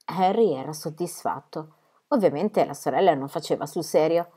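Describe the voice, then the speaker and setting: A woman narrating a novel as an audiobook reader, with a measured, expressive delivery. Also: deep voice, breathy edge. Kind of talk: scripted literary narration.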